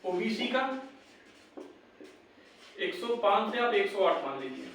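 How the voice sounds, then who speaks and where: Speaking slowly in a high, fairly bright voice with lively intonation, a young man presents exam updates on YouTube. He addresses his viewers as brothers, insistently repeating advice and urging them on in a casual way. There's slight background noise, a very echoey room and a distant microphone.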